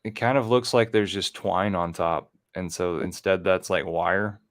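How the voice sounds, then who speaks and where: Slow, curious man. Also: sits low, steady tone, no room sound, studio quality. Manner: curious, asking questions. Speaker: co-host reading out the chat. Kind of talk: casual livestream chat.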